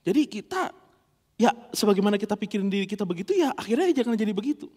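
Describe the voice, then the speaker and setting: Animated pastor preaching in a hall. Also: male voice, high voice, quick pace, husky. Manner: animated, playful, acts out dialogue. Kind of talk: lively sermon with humorous anecdotes. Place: church.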